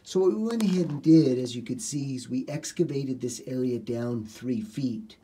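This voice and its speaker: In a small basement, a middle-aged man who works as a home repair contractor explains a job step by step with a warm, medium-pitched voice. His plain-spoken walkthrough how-to is peppered with "uh" fillers.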